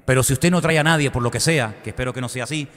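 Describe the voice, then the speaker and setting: A male pastor, giving a conversational, animated sermon full of rhetorical questions. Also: medium pitch, very fast, big-room sound. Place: church.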